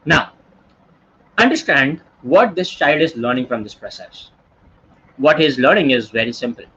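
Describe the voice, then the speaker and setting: A man's voice: mid-range voice, expressive, normal speed, fairly bright tone, husky, muffled recording. A man in his twenties with an Indian English accent, teaching an online workshop in a chatty, storytelling way full of tag questions like "right?" and "okay?". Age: 20s. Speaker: workshop instructor.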